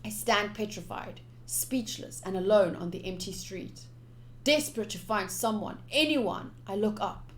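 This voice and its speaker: A woman streamer plays through a visual novel live, reading the text aloud and reacting in an expressive, chatty way. Her voice is mid-range at a measured pace, with slight background noise.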